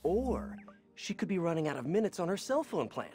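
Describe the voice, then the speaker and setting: Wry chatty superhero guy, bit high, noisy game audio. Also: sing-song, a little fast, darkish tone. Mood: rambling. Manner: quippy, rambling to himself. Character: young male superhero, wisecracking and chatty.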